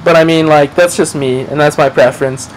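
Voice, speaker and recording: A gaming commentator with a slightly high, fairly flat voice talks quickly over a match. He rambles, swears freely, and runs himself down, and the poor audio carries some hiss or hum.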